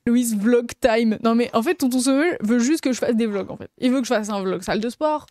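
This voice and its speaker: A woman's voice: on the high side, lively intonation, fast talker, darkish tone, no room sound, clean studio sound. A young woman, chatting casually on a live stream and gushing over her convention finds with lots of fillers. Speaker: streamer showing convention purchases.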